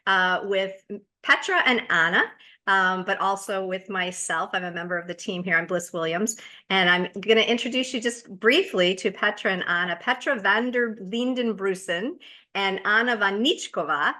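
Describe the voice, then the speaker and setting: Woman from the States, podcast host, bright and forceful tone, chatty and loose. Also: mid-range voice, moderate pace. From United States. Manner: chatty, with frequent fillers and restarts. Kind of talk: casual interview introduction.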